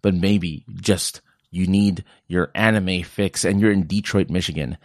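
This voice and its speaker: A man's voice: low-pitched, steady tone, measured pace, no echo, clean studio sound. A young man hosting a podcast, reading out a list of upcoming events in a chatty, joking way and tripping over place names now and then. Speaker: podcast host.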